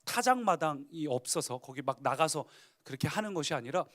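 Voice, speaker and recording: A male pastor preaching in a church, telling the story in a lively way and acting out the people he quotes. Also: on the high side, a little fast. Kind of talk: sermon.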